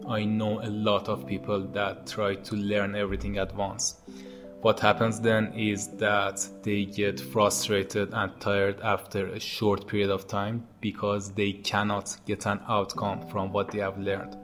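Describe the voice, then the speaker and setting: At a measured pace, a thirtysomething man with an Iranian accent calmly offers scripted educational advice to camera as a tutorial channel host. He's recording in his home studio, full of monitors and posters, on a boom-arm podcast mic, backed by soft music.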